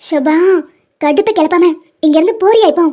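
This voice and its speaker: Brisk and warm, with an extremely high pitch, a woman voices the female lead in an animated love-story dub. As an angry young mother, she scolds the man who wronged her and rejects him in exasperation. Expect dull lo-fi audio and faint music.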